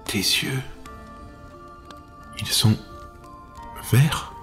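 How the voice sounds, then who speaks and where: A man's voice: mid-range voice, very slow, fairly bright tone, faint music behind, voice pushed up. A man doing a blunt young woman archer. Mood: blunt carefree. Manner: casual, blunt speech.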